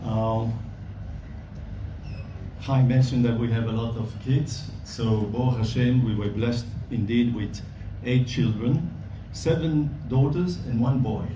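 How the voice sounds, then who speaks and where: Older man, unhurried, warm speaker at a dinner; roomy, distant and noisy. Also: mid-range voice, highs cut off. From Belgium. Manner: slow and friendly, chuckles softly. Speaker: volunteer bike instructor. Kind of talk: speech at a gala dinner. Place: banquet hall. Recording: echoey hall, mic far off, noisy.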